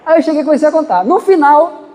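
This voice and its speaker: High-pitched impassioned male preacher. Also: lively intonation, quick pace, a little mellow, big-room sound. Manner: impassioned, dramatic swings in pitch and pace. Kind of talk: sermon. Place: church.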